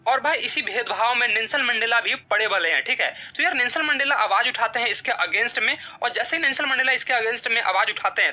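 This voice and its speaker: A man's voice: sits high, pushed and bright. A man teaching a casual Hindi lesson in a chatty, friendly way, often checking that students follow. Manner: chatty, keeps saying "yaar" and "theek hai".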